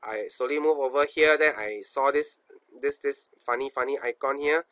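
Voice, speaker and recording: This Singaporean-accented man talks through a casual coding lesson as a programming instructor, musing out loud, repeating phrases and posing questions to himself in colloquial speech. His pitch is medium, his speed normal, his voice a bit bright, with no room sound.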